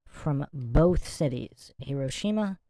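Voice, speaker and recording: A woman's voice: extremely low pitch, expressive, slow pace, dark tone, no room sound. A woman hosting a livestream exposé podcast, reading out and commenting with smug sarcasm. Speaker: podcast host.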